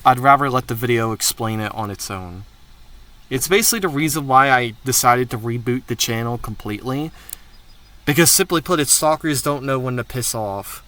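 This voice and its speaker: This channel host's medium voice is lively in intonation, pushed and bright, moving at a moderate pace. He rambles candidly about his plans in a casual update, with plenty of swearing mixed in.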